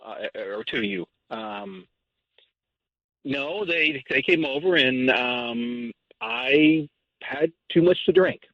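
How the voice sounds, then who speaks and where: Man, stammering, hesitant, gravelly husky voice, dull phone line. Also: medium pitch, sing-song, slow, no room sound. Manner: hesitant, stammering, nervous laughs. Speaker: caller on a radio prank segment. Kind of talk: phone conversation.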